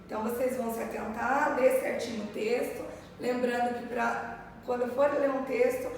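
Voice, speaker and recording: A woman's voice: fairly high pitch, flat delivery, normal speed, vocal fry. A woman teacher giving a recorded remote grammar lesson, patiently repeating words and checking in with her pupils. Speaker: primary school teacher. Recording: echoey room, voice far from mic, faint noise.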